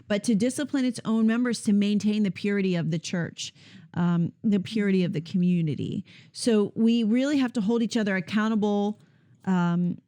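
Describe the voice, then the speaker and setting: A woman's voice: mid-range voice, darkish tone. A woman hosting a Bible discussion, explaining passages in a conversational way and correcting herself as she goes. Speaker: host leading a Bible discussion.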